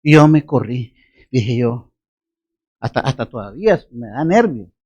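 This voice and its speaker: A man preaching a sermon, telling a personal story with lively storytelling and laughing at himself. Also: medium pitch, a little slow, husky, lo-fi sound. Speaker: pastor.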